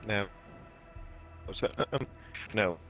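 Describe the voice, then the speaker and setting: A man's voice: fairly low pitch, bright, forceful tone, faint music behind. Stammering man on a crackling, cutting-out mic. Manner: halting, stumbling over words with many fillers. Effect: glitchy mic cutting out and crackling. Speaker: interviewer. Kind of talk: backstage wrestling interview.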